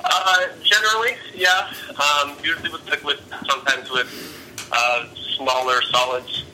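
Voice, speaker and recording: Guy calling in over speakerphone, super bright sharp voice, a bit high, laid-back and umming. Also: steady tone, slight background noise, poor audio. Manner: hesitant, laid-back, full of ums and trailing pauses. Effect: heard over a phone speakerphone. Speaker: phone-in guest. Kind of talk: casual improvised chat. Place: at home.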